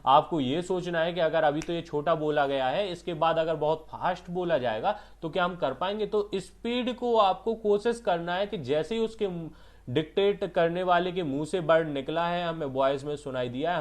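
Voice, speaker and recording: A man's voice: on the high side, normal speed. A man teaching exam dictation and typing skills, who explains step by step and asks and answers his own questions. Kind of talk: online exam-prep lesson.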